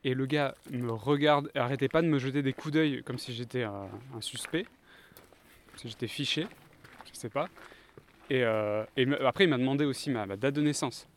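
A man from France, co-host of a travel podcast, telling travel anecdotes in a relaxed, casual chat. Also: medium pitch, normal speed.

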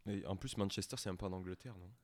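A man's voice: sits low, fast talker. A young man co-hosting a podcast in casual chat, full of crude slang and frequent laughter. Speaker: podcast co-host.

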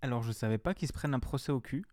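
A man's voice: medium pitch, quick pace, a little mellow, no room sound, studio quality. A young man reviewing a game in casual chat, rambling and slangy, with frequent swearing and filler words.

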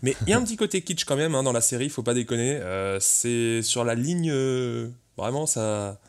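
A man's voice: medium pitch, lively intonation, normal speed. A man co-hosting a casual podcast, talking in a rambling, joking way with lots of fillers and slang. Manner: rambling with many fillers and restarts. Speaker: podcast co-host.

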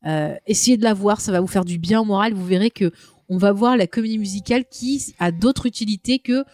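A woman's voice: medium pitch, brisk, darkish tone, no echo. A woman co-hosting a casual podcast with a regional French accent, chatty and teasing, with many fillers. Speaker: podcast co-host. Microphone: headset.

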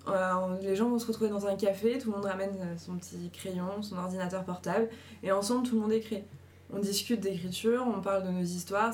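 A woman's voice: mid-range voice, a little mellow, a little hiss or hum. A woman casually giving viewers encouraging advice, chatty and full of fillers. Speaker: host giving writing advice.

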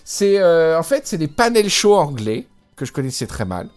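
A man's voice: on the high side, big pitch swings, normal speed, faint music behind. A man co-hosting a podcast in casual chat, talking enthusiastically with frequent hesitations, recorded over a Skype call. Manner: enthusiastic, hesitant with many fillers. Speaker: podcast co-host.

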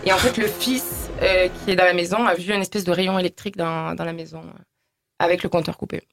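Gravelly woman telling a spooky story. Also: lowish voice, steady tone, fairly quick, faint music behind. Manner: hesitant, many fillers. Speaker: show guest telling ghost stories. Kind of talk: casual storytelling. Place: radio studio.

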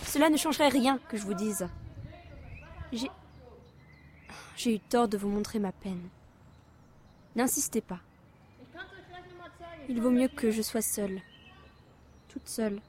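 A woman playing a sulking, tearful young lover in an amateur audio drama, evasive and halting, then reproachful. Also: on the high side. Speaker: voice actress.

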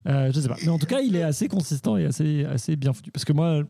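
A man's voice: a little high, quick pace, vocal fry, no echo, clean studio sound. A man co-hosting a podcast, chatting and laughing easily. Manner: laughing, relaxed. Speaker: podcast co-host. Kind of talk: casual chat.

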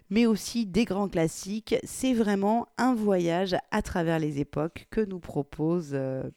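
A woman reading a story aloud with expressive delivery, then chatting casually about the book. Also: medium pitch, no echo, studio quality. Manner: expressive reading, lively intonation. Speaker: reader presenting an anthology.

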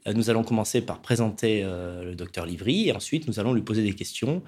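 Male interviewer, husky voice, informal hesitant delivery. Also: on the low side, lively intonation, quick pace, a little mellow. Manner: short encouraging interjections, filler-heavy questions. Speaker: show host, interviewer.

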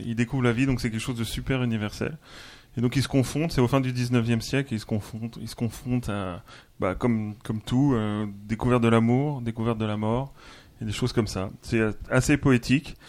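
A man's voice: mid-range voice, a little mellow. A man talking casually on a podcast, rambling with many fillers and restarts as he describes something. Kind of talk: casual chat among friends.

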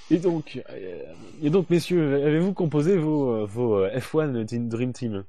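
A man's voice: medium pitch, animated, slow, warm tone. A man hosting a podcast, leading the segments with some hesitant fillers. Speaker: host.

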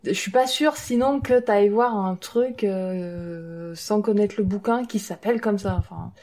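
A woman's voice: mid-range voice, a little slow, darkish tone. A woman on a panel in a casual film discussion, explaining things informally with hesitant phrasing. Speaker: podcast panelist, teacher.

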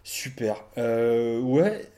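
A man hosting a casual podcast chat, animated and self-mocking, swearing freely. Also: mid-range voice, extremely slow. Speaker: podcast host.

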